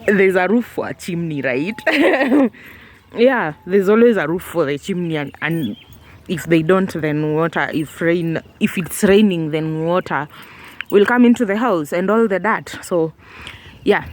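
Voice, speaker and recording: A woman's voice: lowish voice, animated, a little slow, slight background noise. A woman vlogging casually from a house building site, rambling with fillers and talking around a candy in her mouth. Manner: chatty, rambling, with fillers and laughs. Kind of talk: casual vlog narration.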